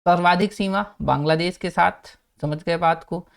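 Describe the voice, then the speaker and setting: A man's voice: high-pitched, steady tone, creaky. A man teaching an online exam-prep class, coaxing his students with mnemonic tricks and frequent check-ins, sometimes rattling off facts in a raised voice. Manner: rapid fact listing in a raised voice.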